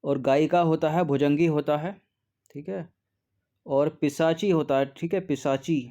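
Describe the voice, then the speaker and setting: A man with a fairly high, mellow voice goes through test questions one at a time as an exam prep teacher. He explains each answer patiently and keeps checking in with his listeners. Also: steady tone, a little slow. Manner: patient, repeats "theek hai" often.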